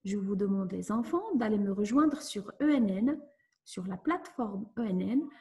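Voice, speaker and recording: A woman teacher giving a lesson to children, speaking slowly and clearly as she explains each step. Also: medium pitch, lively intonation, darkish tone. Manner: slow, clear, instructive. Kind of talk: classroom lesson narration.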